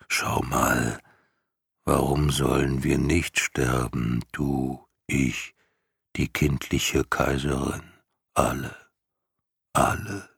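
Ancient weary turtle, voiced by a man, very deep, dragging slow, whispery wheeze, gravelly, dry sound. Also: a bit bright, no echo, full character voice. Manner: drawn-out, apathetic, snuffling. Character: ancient weary giant female turtle, indifferent.

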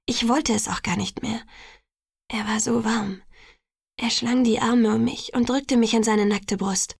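A woman reads a first-person audiobook with an intimate, husky delivery that slips into whispers. Her voice has a gravelly grain, and the close studio recording is completely dry. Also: on the high side, steady tone, unhurried, dry recording. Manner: intimate, partly whispered narration. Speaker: audiobook narrator.

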